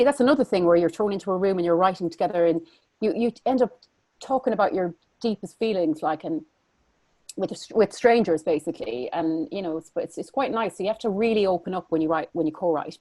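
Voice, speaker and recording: A woman's voice: medium pitch, lively intonation, a little fast, mellow, dry recording. Chatty Irish woman, dry close sound. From Ireland. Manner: chatty, rambling, lots of fillers and restarts. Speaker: guest singer. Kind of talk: casual interview chat.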